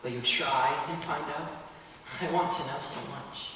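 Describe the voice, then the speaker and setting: A man's voice: on the high side, steady tone, measured pace, bright, forceful tone. A man playing an earnest, courteous tutor in love, in a polite, formal manner, in a stage play. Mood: pleading. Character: earnest, courteous young tutor, a devoted suitor. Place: theater stage, recorded from the audience area. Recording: echoey theater, distant mic, faint noise.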